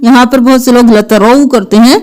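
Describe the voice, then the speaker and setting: A woman teaching tajweed, who gives quick explanations and then chants the verses slowly and melodically. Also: fairly high pitch, a little mellow, clean tone. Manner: quick explanations alternating with slow drawn-out melodic recitation. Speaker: Quran recitation teacher. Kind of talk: tajweed lesson with slow chanted recitation.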